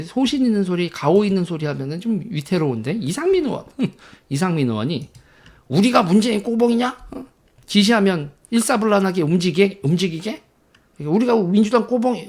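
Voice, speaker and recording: Sarcastic man with a lively voice. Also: high-pitched. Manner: sarcastic, mocking, quick to laugh. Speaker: political commentator. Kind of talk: casual solo commentary.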